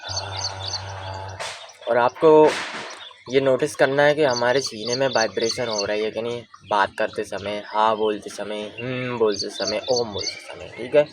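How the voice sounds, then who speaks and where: A man's voice: lowish voice, fairly even intonation, moderate pace, noisy background. A young man giving a casual spoken lesson on voice and breathing, explaining patiently and checking that listeners follow. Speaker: voice coach.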